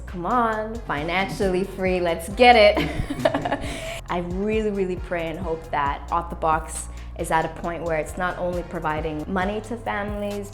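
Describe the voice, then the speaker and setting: Interviewed for a documentary with soft, faint music behind her, a young woman from Canada speaks earnestly and reflectively. She is in her twenties, speaks English as her first language, works as a playwright and youth worker, and has a slightly low voice carrying a motivational drive.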